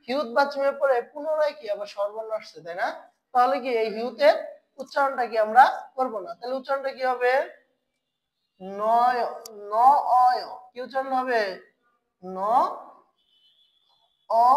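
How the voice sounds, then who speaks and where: A woman teaching a language lesson. She asks her students questions, answers them herself, and draws syllables out slowly. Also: high voice, poor audio. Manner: slow, drawn-out spelling of syllables.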